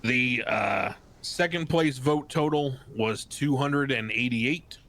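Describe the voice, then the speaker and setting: A formal, diplomatic election official played by a man in a game role-play. His voice sits at a middle pitch, and he announces things in a measured, hesitant way. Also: a bit bright.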